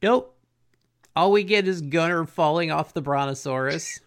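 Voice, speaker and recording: Gravelly laid-back dude podcaster. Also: male voice, on the high side. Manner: laid-back, slangy, drawn-out dude talk. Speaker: podcast co-host. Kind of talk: casual chat recapping a cartoon.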